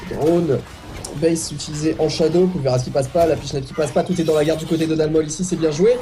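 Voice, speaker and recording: A man giving live play-by-play commentary on a fighting game stream, breaking into long excited exclamations. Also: a little high, quick pace, a little hiss or hum.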